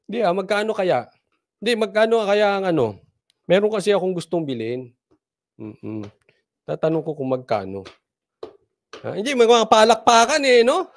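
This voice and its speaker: A man from the Philippines delivers casual political commentary in a teasing, sarcastic tone and laughs often. His voice sits high for a man.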